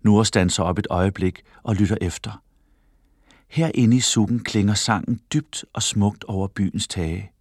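A man narrating a children's book in an expressive storytelling manner. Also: on the low side, dry recording, clean studio sound. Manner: expressive storytelling, voices the characters. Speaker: audiobook narrator.

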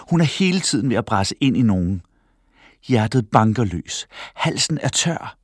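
A man narrating a children's book in an expressive storytelling manner. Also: medium pitch, slightly rough, no echo, clean studio sound. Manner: expressive storytelling, voices the characters. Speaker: audiobook narrator.

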